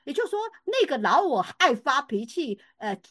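An older woman giving a personal faith testimony at church, emphatic and expressive, with frequent fillers and restarts. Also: high-pitched, normal speed, dry recording, studio quality.

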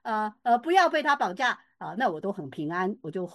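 An older woman giving a personal faith testimony at church, emphatic and expressive, with frequent fillers and restarts. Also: medium pitch, fairly quick, no room sound.

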